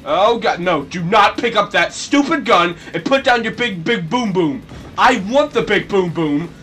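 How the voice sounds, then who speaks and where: A man giving casual, goofy gameplay commentary, rambling and breaking into sudden shrill yelps. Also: lively intonation, a little slow, a bit bright. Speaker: let's play commentator.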